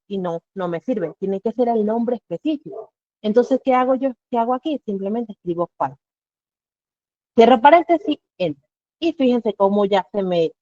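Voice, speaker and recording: A woman's voice: a little high, dark tone, no room sound. Patient woman teaching a live online class. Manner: patient step-by-step explaining with frequent rhetorical questions. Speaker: Excel instructor. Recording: dull lo-fi dry recording.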